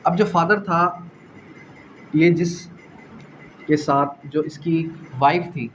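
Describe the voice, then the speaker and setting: This is a slow, steady lecture on law from a man with a Pakistani accent whose voice is a little high and fairly bright. He teaches didactically, circling back to phrases, asking rhetorical questions and using English legal terms. The recording sounds dull and lo-fi, with faint noise behind it.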